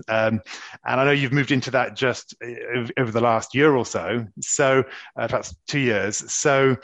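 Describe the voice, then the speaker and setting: An executive coach hosting a podcast for executives introduces his female guest and interviews her earnestly, using plenty of fillers. His voice is mid-range and a bit bright.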